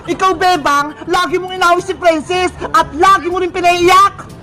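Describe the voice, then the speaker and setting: A voice actor playing a stern, quick-tempered mother who scolds children in a cartoon. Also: very high voice, fairly even intonation. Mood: scolding. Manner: scolding, sharp and reproachful. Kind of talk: cartoon voice acting. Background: cartoon background music.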